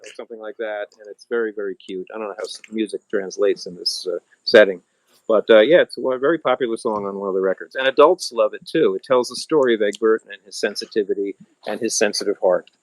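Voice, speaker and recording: Animated male musician telling stories. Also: fast talker, low-quality recording. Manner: animated, acts out voices in high squeals. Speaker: musician guest. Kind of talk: casual storytelling interview. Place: outdoors on a small farm.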